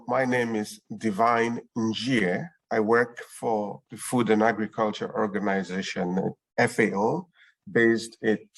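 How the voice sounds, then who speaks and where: A man from Cameroon presenting in an online webinar, speaking slowly and hesitantly with many fillers over a video call. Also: lowish voice, vocal fry, slightly rough, rough recording. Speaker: presenter, UN agency deputy director.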